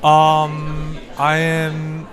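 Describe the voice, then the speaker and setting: A man's voice: a little high, monotone, extremely slow, over music. A man, speaking natively, answering interview questions hesitantly while searching for words at an art fair. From South Korea. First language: Korean. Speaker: artist and art writer. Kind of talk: casual interview. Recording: noisy crowd at a fair.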